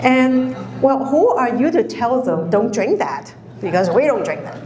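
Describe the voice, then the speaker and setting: Slow-talking woman in an echoey hall. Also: fairly high pitch, big pitch swings, a crowd in the background. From Hong Kong. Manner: slow, halting, many fillers. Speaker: guest speaker. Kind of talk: public talk with Q&A. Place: lecture hall.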